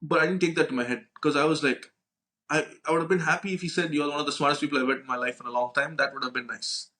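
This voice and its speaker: Talking very fast in a steady, bright, forceful tone, this young man's high-leaning voice carries casual, profanity-laced stories as a podcast co-host. He's informal and slangy, acts out dialogue, and keeps checking in with "right?"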